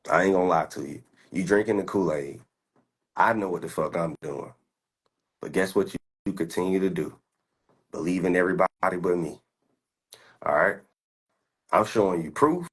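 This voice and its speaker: A man in his twenties from the United States, a stock trader, shows his screen while launching into a boastful, profane, confrontational rant. His voice sits low with a breathy edge.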